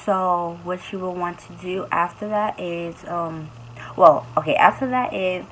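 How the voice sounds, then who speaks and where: Young woman vlog host, sleepy and low-pitched, chatty and loose, faint background noise. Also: unhurried, low-quality recording. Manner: loose, chatty, with many fillers. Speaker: YouTube host. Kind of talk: casual vlog talk.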